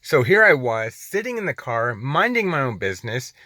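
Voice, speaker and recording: A man talks from the driver's seat of his car, recounting his road trip in an easygoing, conversational way. His voice sits at an ordinary middle pitch. The sound is close and dry, with no room echo. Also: normal speed. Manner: chatty, relaxed storytelling. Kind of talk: casual storytelling vlog. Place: inside a car.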